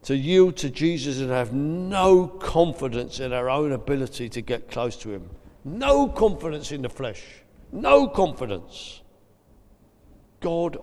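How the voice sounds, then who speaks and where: A man's voice: medium pitch, a little mellow. A man with a South East London accent preaching a chatty, emphatic sermon and often repeating his phrases. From England. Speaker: pastor. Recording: long reverb of a hall.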